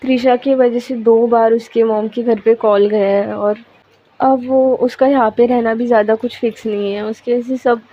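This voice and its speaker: A woman's voice: a little high, steady tone, normal speed. A woman narrating a romance story in a casual, chatty way, acting out the characters' lines. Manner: retells scenes in a chatty way, acting out quoted lines. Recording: dull lo-fi recording.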